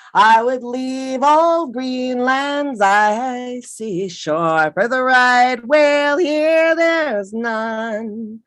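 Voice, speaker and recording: High-voiced woman singing a slow sea shanty. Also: no room sound. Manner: sings unaccompanied, drawing out long notes. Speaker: folk singer.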